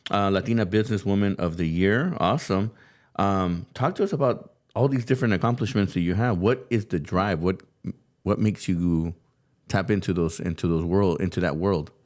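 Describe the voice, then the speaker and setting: Male talk-show host from California, deep voice, casual and upbeat, rambling with restarts, studio recording. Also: moderate pace, a little mellow. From California, USA. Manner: upbeat, loose, lots of fillers and restarts. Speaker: podcast host. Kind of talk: casual interview chat.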